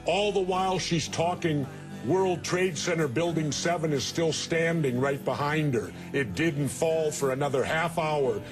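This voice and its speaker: Man in a heated TV debate, combative, keeps interrupting, clear music running underneath. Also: a little high, measured pace. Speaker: former politician debating on TV.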